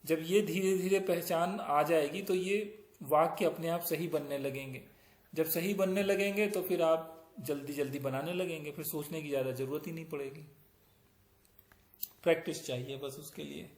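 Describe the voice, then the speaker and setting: A man's voice: fairly high pitch, normal speed, echoey room. A man teaching Sanskrit grammar, patiently explaining step by step with example sentences. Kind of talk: grammar lesson, explaining in Hindi.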